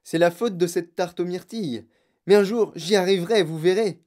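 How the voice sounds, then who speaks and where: A woman's voice: on the low side, normal speed, warm tone, natural voice. A woman voicing a fretful, eccentric candy maker who pleads and sighs, in a storybook reading. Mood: rueful. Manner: anxious, pleading, then sighing sadly.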